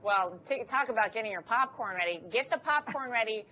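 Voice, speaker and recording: A woman hosting a political talk show, with a higher-than-average, bright and forceful voice. She talks in a lively, teasing way. The sound is dull and lo-fi, with a faint hiss underneath. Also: a little fast. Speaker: host. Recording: dull lo-fi stream audio with faint noise.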